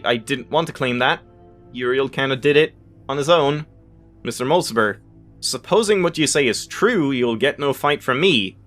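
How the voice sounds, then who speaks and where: A man with a medium-pitched, fairly bright voice hosts a let's play, reading in-game text aloud and adding casual asides. He now and then trips over unfamiliar words and corrects himself, with game music playing behind his voice.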